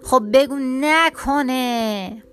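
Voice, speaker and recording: A woman voicing a hungry, gullible male cat in a children's storybook, with drawn-out meows and a slow, loud delivery. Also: sits high, soft background music. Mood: greedy.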